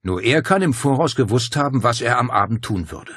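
A polite, gently anxious older clergyman from an audiobook, as a male reader puts him on. He speaks in a raised, solicitous voice with a slight husk, close and dry. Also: medium pitch, lively intonation, brisk, breathy edge, no room sound, voice pushed up. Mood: concerned. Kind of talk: audiobook character voice.

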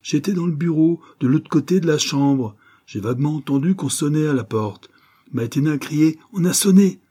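A man's voice: on the high side, normal speed, mellow, husky, voice pushed up. A man doing a snappy, exasperated young man. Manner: exasperated, raised voice.

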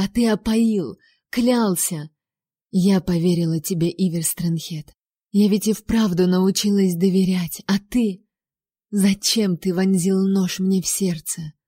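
A woman's voice: medium pitch, fairly even intonation, unhurried, husky, dry recording, studio quality. A woman reading as a bitter, wounded noblewoman. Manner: sharp and accusing. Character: anguished young noblewoman, proud and bitter.

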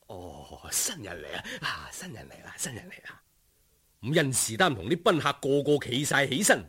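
A man with a Cantonese accent tells a folk tale as a dramatic, expressive storyteller, savouring every description. His voice is somewhat high and slightly rough.

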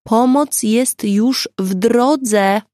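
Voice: mid-range voice, unhurried, no room sound. Brief: narrator as a composed woman, firm and reassuring, dry close sound. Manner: calm, clear and firm. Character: grown woman, steady and reassuring.

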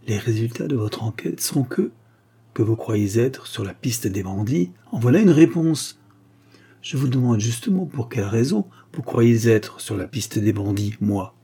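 A man's voice: mid-range voice, a little slow, creaky, dark tone, slightly rough. A man voicing a stern, sceptical prefecture secretary who speaks ironically and irritably. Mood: irritated. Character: stern, sceptical older male prefecture official.

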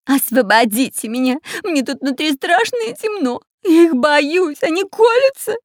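Woman putting on a shrill panicky pirate spy. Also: animated, moderate pace, no room sound, studio quality. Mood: panicked. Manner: squealing, panicky.

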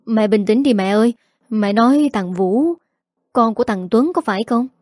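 A woman's voice: on the high side, lively intonation, normal speed, darkish tone, no room sound, studio quality, close to an everyday voice. A woman voicing a middle-aged son who placates and mutters sarcastically. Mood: placating, sarcastic.

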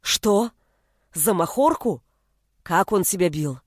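A woman's voice: fairly low pitch, animated, slow pace, no echo, clean studio sound. A woman voicing a young village woman, a fierce, blunt-spoken elder sister protecting her little brother. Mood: alarmed. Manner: blunt, rough-spoken, shouting in anger.

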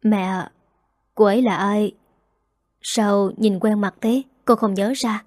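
A woman voicing a young man who has just woken in hospital, speaking softly and gently in a storybook reading. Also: mid-range voice, fairly even intonation, takes it slowly, no room sound, clean studio sound, lightly acted. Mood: weak.

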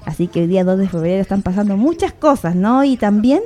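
A woman's voice: mid-range voice, animated, fast talker, warm tone. A woman hosting a radio show, chatting casually, thinking aloud with fillers and tag questions. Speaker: radio host. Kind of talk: casual radio talk introducing guests. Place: radio studio.

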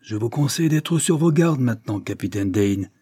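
A man's voice: medium pitch, animated, moderate pace, dark tone, husky, no room sound, studio quality. A man reading an audiobook, voicing an angry, vengeful valet who was thrown out of his post, threatening and emphatic. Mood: menacing.

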